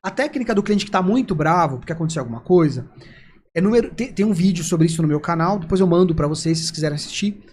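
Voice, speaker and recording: A persuasion trainer with a Brazilian Portuguese accent explains techniques conversationally in a high, quick voice over slight background noise. He's animated, illustrating his points by acting out quoted dialogue.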